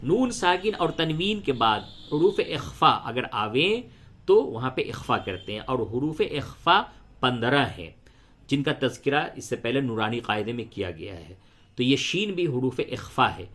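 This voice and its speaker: A man teaching Quran recitation rules, patiently repeating each point step by step and slowly chanting verses. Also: mid-range voice, fairly bright tone. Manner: slow melodic chanting when reciting verses. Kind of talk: tajweed lesson, spelling out letters and reciting.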